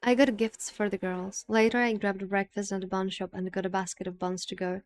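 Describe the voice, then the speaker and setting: A woman reading a game's story text aloud, with occasional asides, over soft music. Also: medium pitch, flat delivery, a little fast. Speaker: reader of a visual novel.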